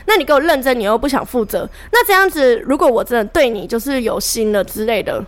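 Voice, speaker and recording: A young woman co-hosting a podcast tells a personal story in casual chat between friends, acting out the voices of the people involved. She speaks fast in a fairly high, animated voice.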